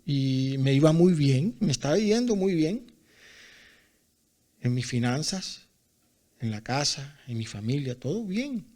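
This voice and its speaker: A man preaching a sermon in church. His voice sits fairly high for a man, and he speaks slowly and deliberately. He builds from storytelling up to forceful, emphatic proclamations. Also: sing-song. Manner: tells personal stories with acted dialogue, building to loud emphatic declarations.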